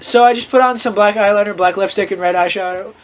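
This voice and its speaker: A man with a high-pitched voice reads fan fiction aloud at a quick pace, hosting with commentary. His reading is casual and comedic, mock-dramatic, and often breaks off so he can riff.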